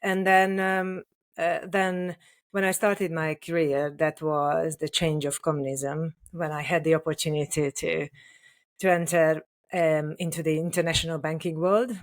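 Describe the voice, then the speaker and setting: A woman's voice: deep voice, flat delivery, measured pace. Hesitant middle-aged woman from Hungary. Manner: hesitant, many fillers and restarts, laughs softly. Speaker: podcast guest, company CEO. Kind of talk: interview conversation.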